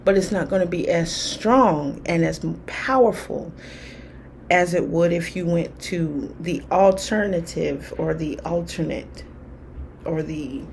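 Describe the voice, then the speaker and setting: Lady rambling on camera, kinda low voice, faint hiss behind. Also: creaky. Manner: candid, rambling, with frequent fillers and laughs. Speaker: spiritual vlogger. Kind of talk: casual personal talk to camera.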